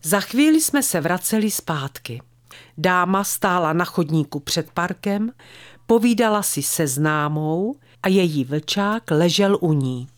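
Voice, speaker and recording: A woman reading a first-person story aloud in a calm, measured way as the storyteller of a weekly show. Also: on the low side, dry recording, studio quality.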